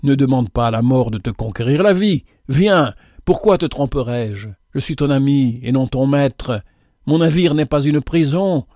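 A man reading aloud voices a gentle, pleading stranger who captains a ship and urges others to follow him. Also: mid-range voice, lively intonation, normal speed, no room sound, studio quality, natural voice. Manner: pleading, urgent.

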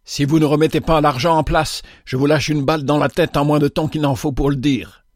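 Man doing a gruff bandit chief, brusque but earnest, storybook reading, dry mic. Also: a little high, steady tone, fairly quick, dry recording, natural voice. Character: gruff remorseful male bandit leader.

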